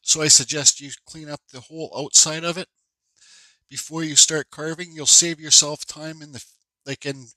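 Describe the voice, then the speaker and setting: At his workshop bench, a stuffed-up woodcarving instructor talks through a carving tutorial casually, full of fillers and restarts. He has a fairly high, bright, forceful voice, captured in a low-quality recording with no room sound.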